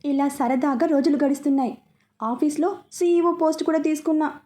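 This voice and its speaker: A woman narrating a first-person romance story in an expressive, chatty way, asking listeners asides. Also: sits high, a little fast.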